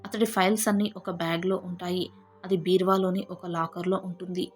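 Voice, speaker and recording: A woman telling a first-person family story in a steady, heartfelt way. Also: lowish voice, a little fast. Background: faint background music.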